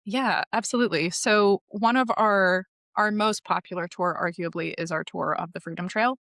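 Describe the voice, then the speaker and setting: A woman's voice: mid-range voice, moderate pace, a bit bright, dry recording, clean studio sound. A woman guest on a podcast, explaining her tour company in long, enthusiastic, informative answers. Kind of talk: podcast interview.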